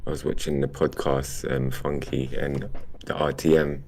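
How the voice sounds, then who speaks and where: Man, extremely deep voice, London roadman accent, street slang, casual podcast co-host chat. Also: level tone, normal speed, vocal fry, darkish tone, slight background noise.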